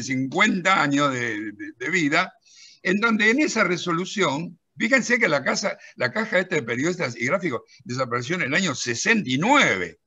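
A middle-aged man with a Rioplatense Spanish accent, animatedly demonstrating software on a video call while telling an anecdote and directing a helper at the screen. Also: a little high, husky. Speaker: presenter of a pension-law software and magazine.

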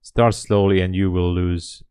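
A man's voice: low-pitched, level tone, unhurried, a little mellow, clear, resonant tone, no room sound, studio quality. A man in his late thirties chatting casually on a live trading stream, rambling and thinking aloud as he answers chat from a small room. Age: 30s. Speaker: day trading livestreamer.

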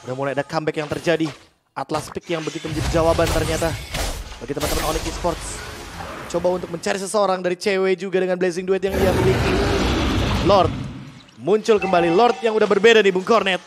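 A man calling an esports match live in an animated, emphatic fighting game announcer style. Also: a little high, fast talker. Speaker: esports shoutcaster. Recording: music under the commentary. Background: music.

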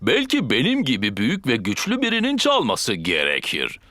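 A man voicing a hearty, boastful, lazy father pig in a children's cartoon dub, with a deep booming voice. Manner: slow, hearty, expressive.

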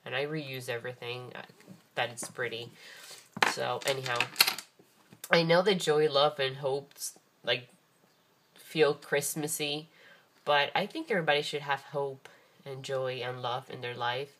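Very low-voiced woman, hoarse and chatty. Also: steady tone, a little slow, pauses often, fairly bright tone, slight background noise. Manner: chatty and rambling, many ums and restarts. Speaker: craft vlogger. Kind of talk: casual craft show-and-tell.

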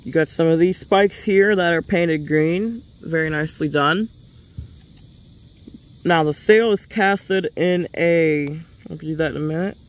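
A man's voice: on the high side, a little slow. A man giving a casual, rambling toy review, often stopping and restarting mid-sentence. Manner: plain-spoken, drops a curse casually.

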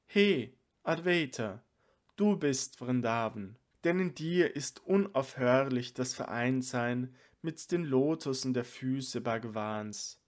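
A man's voice: medium pitch, lively intonation, slow pace. A man reading as a wondering divine monk. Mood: wondering, tender. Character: loving divine male monk, full of wonder.

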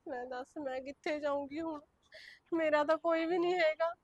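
A woman's voice: sits high, fairly even intonation, normal speed, no room sound, muffled recording, lightly acted. A woman playing a pleading widow. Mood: tearful. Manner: pleading, swearing innocence. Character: pleading widowed woman with small children, meek. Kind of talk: village short-film drama.

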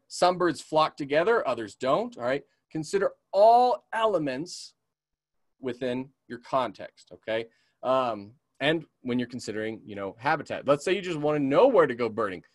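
A man's voice: mid-range voice, no room sound, studio quality. A man from the American West teaching a beginner's bird identification webinar, often checking in with "okay?" and imitating bird calls. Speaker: community naturalist teaching a class. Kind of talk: webinar lesson.

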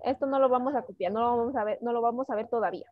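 High-pitched lady teacher, patient and coaxing, dry dull sound, online class. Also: rapid-fire, no echo. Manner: patient, coaxing, switches between Spanish and English. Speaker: English teacher.

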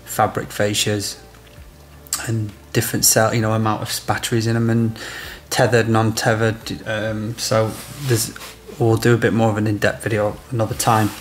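A man with a lowish, completely flat voice speaks at normal speed against slight background noise. He is an electrician in his thirties, giving a practical, step-by-step product demonstration in a small room of a house.

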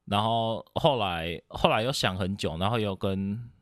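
A man's voice: fairly low pitch, measured pace, clean tone, dry recording, clean studio sound. A young man from Taiwan talking casually as a podcast guest, rambling and hesitant, with many fillers and restarts. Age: young adult. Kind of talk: casual chat.

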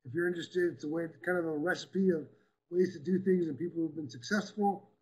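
A man giving a quick, upbeat, chatty presentation in an online meeting. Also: fairly high pitch, darkish tone, breathy edge, low-quality recording.

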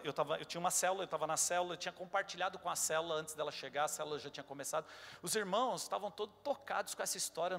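Gravelly-voiced man preaching in a reverberant hall. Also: high voice, fairly bright tone. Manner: emotional storytelling, addresses the congregation. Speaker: pastor. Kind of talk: sermon. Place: church hall. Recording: long church hall reverb, faint music.

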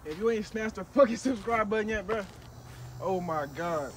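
A man's voice: high voice, normal speed. A young man vlogging casually in agitated, profane slang, distressed with his mouth burning from spicy food. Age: young adult. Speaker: vlogger doing a food challenge. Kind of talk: casual vlog talk to camera. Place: outdoors on stone steps in a park. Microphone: camera held by another person, some distance away. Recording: distant camera mic, faint outdoor noise.

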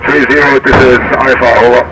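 A tank crew member reporting over a military radio in terse, clipped radio procedure. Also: male voice, medium pitch, flat delivery, brisk. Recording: noisy radio from far off.

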